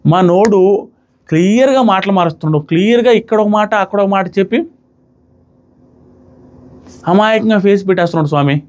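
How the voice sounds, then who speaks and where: A man giving a casual, animated review of a reality show, mixing English words into his talk. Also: sits high, fairly quick, pauses often. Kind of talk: casual commentary.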